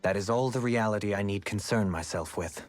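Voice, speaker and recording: An actor playing a refined, gentle and eccentric former lord in a game, speaking in formal, courtly phrasing. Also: male voice, lowish voice, a little fast, soft background music, natural voice. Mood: reflective. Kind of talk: game character dialogue.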